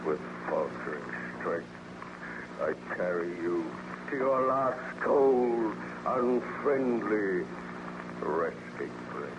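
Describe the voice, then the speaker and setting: Wounded monster: slow, declamatory, tormented and remorseful. Vintage radio drama, muffled and noisy. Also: male voice, on the low side, expressive. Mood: tormented, bitter. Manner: declamatory, anguished, archaic formal speech. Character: wounded, remorseful, bitter monster mourning his creator. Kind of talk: 1930s radio acting. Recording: noisy, muffled old-time radio recording.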